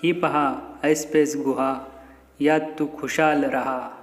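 A man voicing a gentle, welcoming old mountain with a fatherly manner in a children's storybook reading. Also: medium pitch, flat delivery, slow pace, close to an everyday voice. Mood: kindly. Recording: echoey room, faint music behind.

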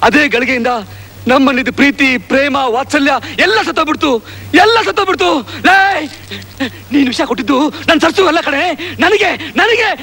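An actor playing a devoted village brother, pleading and repeating himself in anguish. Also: male voice, very high voice, fast talker, sharp tone, heavily acted. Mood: bitter. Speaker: elder brother.

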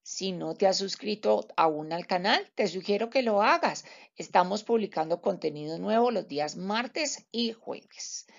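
Gravelly woman host, dull lo-fi sound. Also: mid-range voice, lively intonation, measured pace. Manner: friendly sign-off appeal. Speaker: channel host. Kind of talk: channel outro.

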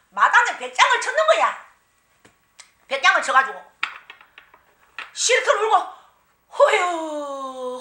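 A woman shaman with a Gyeongsang accent telling her own story, animated and often laughing, acting out the people she quotes. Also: very high-pitched. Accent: Gyeongsang Korean. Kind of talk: personal storytelling. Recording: echoey room.

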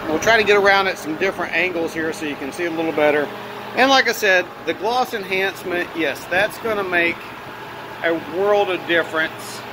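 A man giving a casual vlog walkaround in a workshop, raising his voice to talk loudly over a fan. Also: high voice, fairly quick. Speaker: auto detailer presenting own work. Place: garage workshop, indoors. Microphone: handheld phone camera, operator behind it. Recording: steady fan noise in workshop. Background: running fan.

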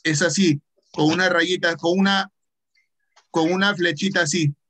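A man's voice: high voice, steady tone, a little slow, a bit bright. A male teacher with a Peruvian Spanish accent giving a patient online computer lesson, asking questions and then answering them himself.

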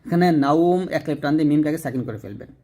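A man's voice: on the high side, mellow. Man teaching Quran recitation, letter by letter. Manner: explains letter by letter, then recites slowly with drawn-out tones.

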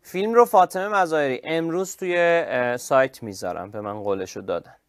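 A man teaching an online chemistry class, lively and praising his students by name. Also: medium pitch, no room sound, studio quality.

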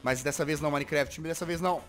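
A gaming video host with a Brazilian Portuguese accent gives excitable commentary on Minecraft parkour, swinging from muttering to frustrated yelling. His voice is a little high and quick, with faint music playing behind.

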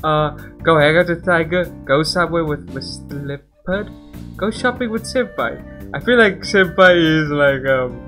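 A man's voice: a little high, normal speed, sharp tone. A young man doing a casual let's-play, reading game text aloud and breaking off into rambling commentary. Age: young adult. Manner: rambling, self-interrupting. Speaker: gaming channel host. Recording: music behind the voice.

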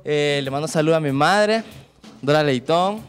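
A man's voice: fairly high pitch, normal speed, over music. A Nicaraguan man, a musician guest on a studio show, speaking earnestly and gratefully. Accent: Nicaraguan Spanish. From Managua, Nicaragua. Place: TV studio set.

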